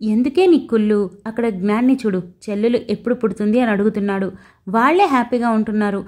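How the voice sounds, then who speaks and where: Woman narrator as playful young mother, mellow and affectionate. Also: on the high side, quick pace, natural voice. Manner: affectionate, teasing.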